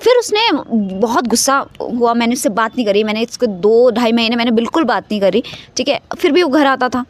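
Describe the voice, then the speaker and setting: A woman's voice: fairly high pitch, sing-song, a little fast. Chatty young woman telling a story. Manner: chatty, mixes in English, keeps saying "okay". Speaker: vlogger. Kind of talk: casual storytime. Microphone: phone.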